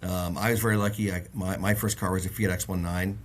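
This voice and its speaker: This middle-aged man from the Bahamas, appearing as an auto industry guest, has a low, steady voice and a fairly quick pace, with a little hiss or hum audible. He chats casually on an interview show, spinning long, rambling stories full of fillers and restarts.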